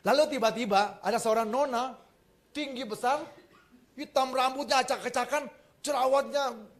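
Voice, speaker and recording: A male pastor preaches with an extremely high-pitched voice at normal speed. His sermon is full of lively stories, jokes and acted-out quotes, swinging from loud emphasis to soft asides.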